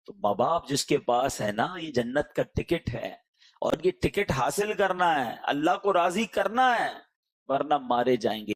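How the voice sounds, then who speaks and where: A man preaching with a Pakistani Urdu accent, his voice higher than most men's and rising and falling a lot. He pleads and exhorts, jumping from loud appeals to hushed, soft lines. It is an emotional sermon delivery. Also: very animated.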